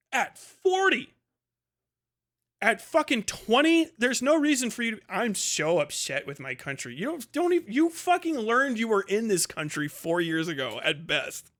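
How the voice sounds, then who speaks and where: A high, slightly bright male voice comes from an American livestream host ranting unscripted as he answers chat. He gets blunt and profane, exasperated and argumentative, and repeats himself for emphasis.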